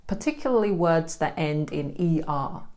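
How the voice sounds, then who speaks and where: A woman with a British accent teaching English pronunciation, saying words slowly and carefully for learners to repeat. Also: deep voice, lively intonation, a little mellow. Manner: slow, careful, demonstrating words one by one. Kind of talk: pronunciation lesson.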